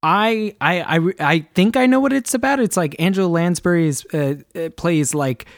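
A man co-hosting a casual chat, animated and laughing often as he retells and acts out song lyrics. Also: sits high, normal speed, no room sound, clean studio sound. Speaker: podcast co-host.

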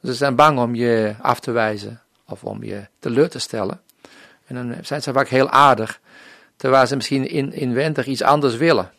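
Man from the Netherlands, missionary telling his testimony, earnest storyteller, mid-pitched voice, dry close sound. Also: moderate pace, creaky, a bit bright, no echo. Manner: earnest storytelling, often acting out remembered dialogue. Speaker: missionary guest. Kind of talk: personal faith testimony in an interview.

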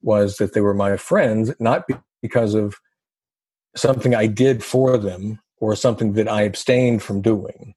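Husky man telling his story. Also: fairly low pitch, fairly even intonation, unhurried, warm tone, no room sound. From American South. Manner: wry, self-deprecating storyteller who laughs easily. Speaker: guest. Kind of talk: conversational storytelling interview.

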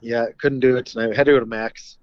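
A man calls in over a car speakerphone, his voice coming through a dull, lo-fi phone line. He sounds a little tipsy and easygoing, with an ordinary mid-range pitch. He answers in brief, relaxed replies. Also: quick pace, no echo. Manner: laid-back, short easygoing replies. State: tipsy after the bar. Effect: speakerphone call from a moving car. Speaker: podcast guest calling in. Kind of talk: casual chat.

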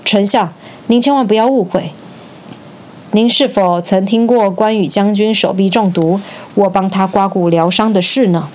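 A woman's voice: mid-range voice, normal speed, a little mellow, highs cut off, natural voice. Woman voicing an earnest old physician. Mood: pleading. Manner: self-assured, then pleading.

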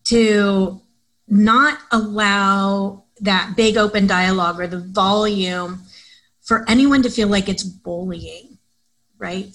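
A woman co-hosting a podcast, explaining points in a measured way in casual discussion. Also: mid-range voice, a bit bright, low-quality recording. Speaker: podcast co-host.

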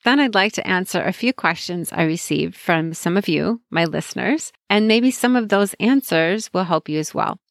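A woman's voice: lowish voice, animated, moderate pace, gravelly, hardly any pauses, no room sound. A middle-aged woman hosting a motivational podcast, telling stories in an upbeat, chatty way with frequent laughter, close to the mic. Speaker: podcast host. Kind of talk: casual motivational podcast chat.

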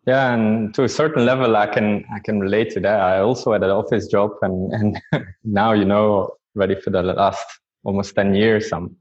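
A man's voice: lowish voice, fairly even intonation, normal speed. A man hosting a podcast, asking questions hesitantly and repeating words as he frames them. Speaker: podcast host. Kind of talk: interview questions. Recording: dull, lo-fi line.

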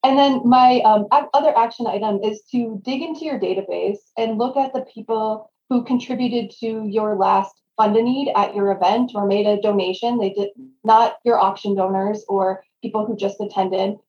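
A woman's voice: medium pitch, steady tone, normal speed, few pauses, darkish tone. A woman speaking as a consultant guest in a conversational podcast interview, on a roomy, slightly dull recording.

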